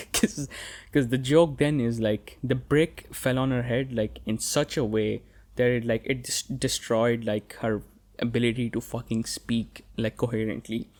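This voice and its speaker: A man's voice: medium pitch, fairly even intonation, measured pace, a little mellow. Rambling, profane young man. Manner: rambling and profane, many fillers and restarts. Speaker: podcast host. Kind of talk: casual solo podcast monologue.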